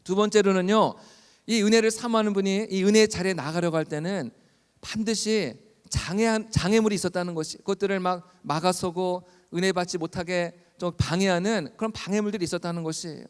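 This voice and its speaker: High, ringing-voiced preacher in a hall. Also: male voice, a little fast, smooth. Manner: earnest, builds to loud fervent pleas when voicing biblical cries. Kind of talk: sermon. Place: church hall. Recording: long reverb of a church hall.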